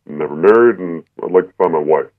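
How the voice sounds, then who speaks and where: A man's voice pushed extremely low by a voice changer, so it sounds disguised and deep. It reaches us over a thin, tinny phone line. He is a caller in his thirties who speaks bluntly and unapologetically, often halting mid-sentence. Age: 30s. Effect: voice changer making it disguised and deep. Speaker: anonymous caller. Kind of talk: call-in radio conversation.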